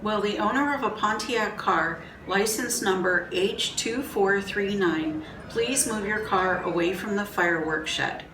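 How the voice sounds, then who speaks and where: A woman voicing a fair loudspeaker announcer making a formal announcement in a storybook reading. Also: medium pitch, a little slow, hardly any pauses, background noise, lightly acted. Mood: announcing. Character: booming fair loudspeaker announcer, adult man. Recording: roomy distant mic, faint music.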